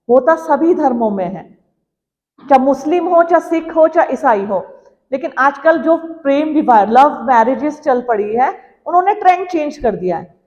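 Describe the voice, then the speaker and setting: A woman's voice: high-pitched, a little mellow, long reverb tail, muffled recording. A female teacher giving an earnest classroom lecture, urging students and acting out parents' voices.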